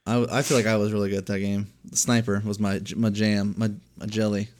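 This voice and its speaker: A young man co-hosting a casual chat podcast, rambling through stories and acting out other people's lines loudly. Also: lowish voice, little pitch movement, fairly quick. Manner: rambling storyteller, acts out voices loudly. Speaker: podcast co-host.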